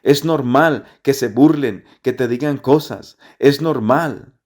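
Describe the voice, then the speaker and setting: A man's voice: medium pitch, slow, a little mellow. Earnest man preaching a gospel reflection. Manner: earnest, repetitive exhortation.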